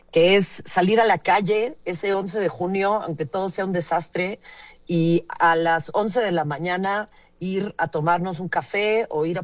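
A woman's voice: on the low side, no echo. A woman with a Mexican accent, a panelist building a reflective argument in long sentences. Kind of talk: opinion panel discussion.

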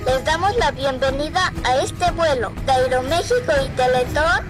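A woman's voice: sits high, normal speed, a crowd in the background, lightly acted. A woman playing a welcoming flight attendant in a scripted ad. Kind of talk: scripted charity airline ad.

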